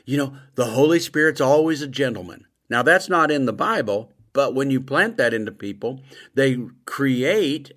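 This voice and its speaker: A middle-aged man preaching a sermon with emphatic swings between loud bursts and quiet asides. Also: medium pitch, lively intonation, normal speed.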